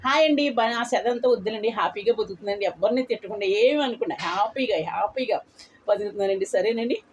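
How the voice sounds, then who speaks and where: A woman's voice: a little high, quick pace, highs cut off, a little hiss or hum. Blunt, chatty woman in her eighties. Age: 80s. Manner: blunt, chatty, rambling, polite to viewers. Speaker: vlogger. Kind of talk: casual chat to camera.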